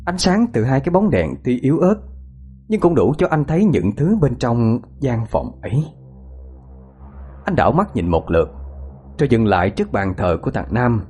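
Lively ghost-story narrator. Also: male voice, medium pitch, moderate pace, slightly rough, faint music behind. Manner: dramatic, suspenseful.

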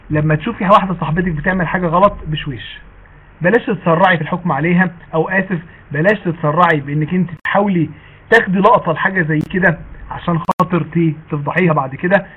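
An Egyptian man gives a lesson to women in a quick, chatty way. His voice is a little high and husky. It sounds tinny, like it came over a phone line. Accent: Egyptian Arabic. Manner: chatty and conversational, slowing to recite quoted sayings. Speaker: preacher teaching women. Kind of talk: colloquial religious lesson.

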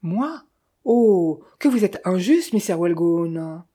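A woman voicing a sly, smooth-talking male Italian bandit who mocks with false friendliness, in a storybook reading. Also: medium pitch, expressive, moderate pace, dark tone, natural voice. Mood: mocking.

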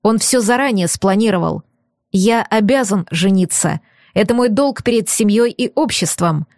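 A woman's voice: medium pitch, lively intonation, normal speed, darkish tone, no room sound, studio quality, lightly acted. A woman reading an audiobook and voicing a stern, torn young aristocratic man with firm, clipped, bitter delivery. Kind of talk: audiobook character voice.

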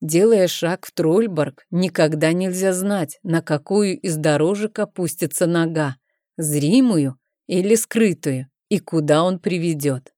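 A woman narrating an audiobook in a measured storytelling manner. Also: fairly low pitch, dark tone, no room sound, studio quality.

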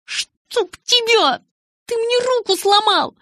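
A woman voicing a stubborn teenage girl who shouts in a shrill, high voice in an audiobook. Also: expressive, moderate pace, slightly rough, no echo, studio quality. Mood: furious.

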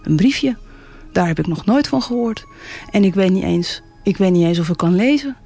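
A narrator voicing a shy, wondering male sperm whale in a storybook, musing softly and hesitantly. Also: mid-range voice, lively intonation, normal speed, creaky, soft background music. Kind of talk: storybook reading.

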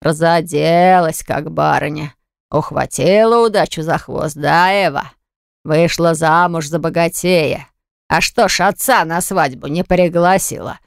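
A woman voicing a drunk, spiteful middle-aged father who drawls slowly and mockingly in a nasal voice, with a gravelly edge. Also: sits low, dry recording, studio quality. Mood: sneering.

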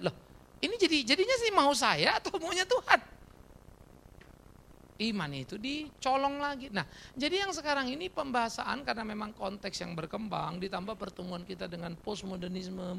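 A man preaching a sermon as a pastor, animated, throwing out rhetorical questions and slangy asides. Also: sits high, gravelly, a little hiss or hum.

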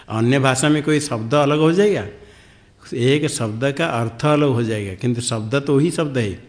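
A swami giving a spiritual discourse on the Upanishads, explaining slowly and repeating words to drill Sanskrit pronunciation, with chanted Sanskrit verses in between. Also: male voice, medium pitch.

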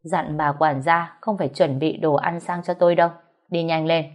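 A woman's voice: low voice, steady tone, normal speed, darkish tone, close to an everyday voice. A woman voicing a cold young master of a house who gives curt orders in a storytelling audiobook. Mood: commanding.

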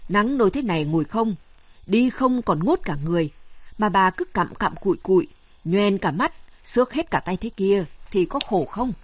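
A woman voicing a warm-hearted, hardworking village woman who fusses and exclaims. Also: mid-range voice, lively intonation, normal speed, natural voice. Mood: fussing.

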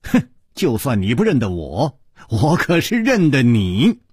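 A man voicing an easygoing male hero swordsman who speaks calmly and wryly, in a storytelling performance. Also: medium pitch, a little slow, slightly rough, no echo, studio quality, heavily acted. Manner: calm, wry, friendly.

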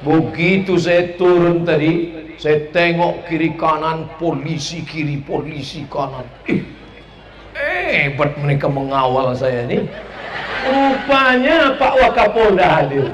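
A man preaches at a large open-air gathering, his voice sitting a little high for a man. He keeps his sermon jokey and pulls the crowd into call-and-response. The sound is echoey through the loudspeakers, with a noisy crowd and steady background hum. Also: slow. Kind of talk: humorous public sermon.

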